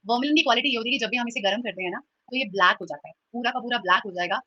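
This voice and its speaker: A young adult woman teaching an online grammar class, lively and teasing, switching between Hindi and English. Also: fairly high pitch, very fast, slightly rough, no room sound. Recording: dull lo-fi sound.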